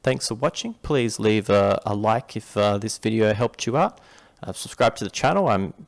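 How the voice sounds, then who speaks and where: Explaining a Japanese reading to his viewers, the Australian-accented tutor from Western Australia is casual, talkative and prone to restarts during a screen-share lesson. His lowish, gravelly voice moves at a moderate pace with lively intonation.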